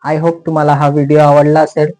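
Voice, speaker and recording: A man with a Marathi accent teaching English pronunciation in a slow explanatory lesson, repeating each word and its meaning patiently. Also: fairly high pitch, flat delivery, warm tone, poor audio.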